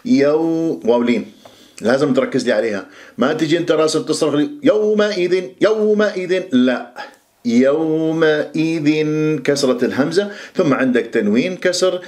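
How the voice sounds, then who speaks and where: A middle-aged man teaching Quran recitation rules, explaining quickly and then reciting words slowly as models. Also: mid-range voice, expressive, a little mellow. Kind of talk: tajweed pronunciation lesson.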